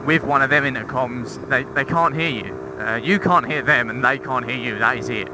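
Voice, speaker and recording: A young man speaks at normal speed in a mid-range voice, chatting informally into his helmet intercom while riding a motorcycle on the road. The motorcycle vlogger rambles through a review, mixing in swearing and jokes at his own expense. Loud engine and road noise fill the recording.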